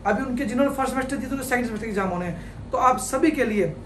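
An education counselor from India, a man in his thirties, gives study advice straight to camera in a small studio, wearing a clip-on lapel mic. He speaks fast and energetically in an extremely high voice, gesturing with his hands as he explains, and the echoey room carries faint ambience and background noise.

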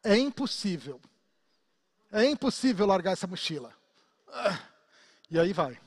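A man with a Brazilian Portuguese accent teaching a class, animated, acting out examples and asking his listeners questions. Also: sits high, a little slow, husky, big-room sound. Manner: animated, acts out examples and asks the audience questions. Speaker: instructor. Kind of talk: lecture to a class.

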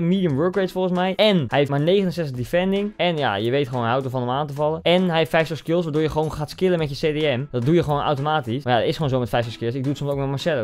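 A young man giving excitable live commentary over his own football video game match, cheering loudly at goals and chatting to viewers. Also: medium pitch. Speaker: gaming YouTuber.

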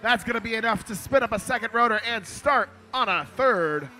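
A man announcing a robotics match with energetic, excited play-by-play commentary in a competition arena. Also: extremely high pitch, brisk.

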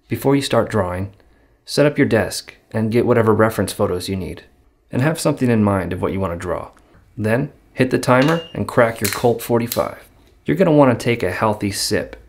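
Male illustrator, thirties, somewhat low voice, deadpan delivery of scripted host narration. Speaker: host, illustrator and comic artist. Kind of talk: scripted video narration to camera.

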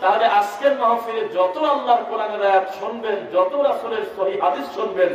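A man with a Bangladeshi Bengali accent preaching to a crowd, asking them to answer back and chanting verses in a slow melodic recitation. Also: high voice, steady tone, lo-fi sound. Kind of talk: sermon at a religious gathering. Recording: very echoey hall, speaker far from mic.

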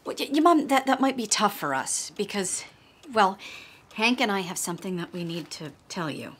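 A woman's voice: mid-range voice, expressive, normal speed, a little hiss or hum, natural voice. An actress playing a hesitant wife who stammers as she talks. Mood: nervous.

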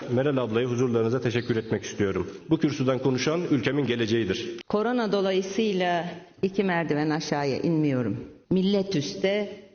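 A man's voice: fairly high pitch, lively intonation, fairly quick, darkish tone, a little hiss or hum. A young man gives an earnest political speech into a pulpit microphone at a lectern in a large meeting hall. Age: young adult. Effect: speaking at a pulpit microphone in a large hall. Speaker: young university graduate speaking at a party group meeting. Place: large parliamentary group hall. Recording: dull, reverberant hall sound from afar.

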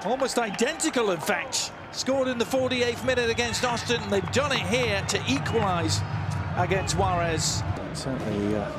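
A man's voice: high voice, sing-song, moderate pace, over loud music. A man giving live play-by-play football commentary. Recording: loud stadium crowd noise. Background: stadium crowd.

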